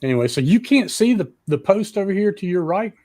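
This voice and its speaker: A high-voiced man talks fairly quickly as host of a casual live streamed talk show. Excitable and rambling, he curses freely while wrestling with his streaming setup.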